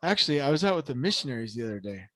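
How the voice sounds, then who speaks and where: A man's voice: medium pitch, very animated, rapid-fire, fairly bright tone, no echo. A man hosting a casual motivational podcast, talking earnestly and at length with many restarts and fillers, growing impassioned. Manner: grows impassioned and emphatic. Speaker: podcast host.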